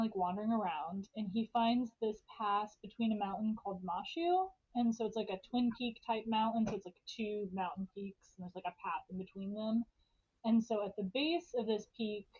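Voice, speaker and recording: A podcast host retells a story casually and irreverently, peppering it with slang and swearing. Her voice sits at medium pitch with a darkish tone, and the audio is dull.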